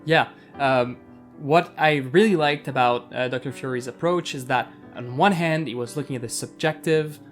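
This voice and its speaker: A man co-hosts and introduces a podcast episode, thoughtful with small pauses. Faint guitar music plays behind him. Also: medium pitch. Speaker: podcast co-host.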